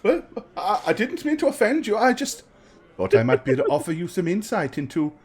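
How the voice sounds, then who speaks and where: A man voicing a fairly old fortune teller with drawn-out, grandiose patter in a tabletop role-play game. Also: sits high, very animated, darkish tone, voice pushed up. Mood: offended, wheedling.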